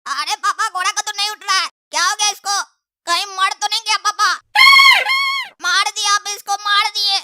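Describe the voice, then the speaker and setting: A cheeky cartoon boy, voiced by a woman who teases his father in long sarcastic rambles. His voice sits extremely high and sounds sharply bright. He breaks into shouts and laughter. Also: fairly even intonation, normal speed, slight background noise, exaggerated voice. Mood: mocking. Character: cheeky young boy, mouthy and teasing.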